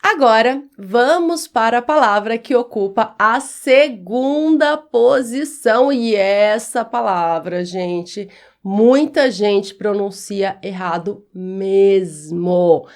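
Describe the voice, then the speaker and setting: A woman teaching Portuguese pronunciation in a video lesson, speaking clearly and quizzing the viewer. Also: medium pitch, slow pace.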